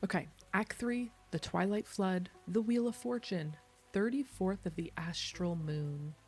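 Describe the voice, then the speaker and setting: A woman gaming streamer with a slightly raspy voice that she is losing, chatting softly and apologetically while she plays. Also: mid-range voice, measured pace. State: losing her voice. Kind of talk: casual gameplay commentary. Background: faint game music.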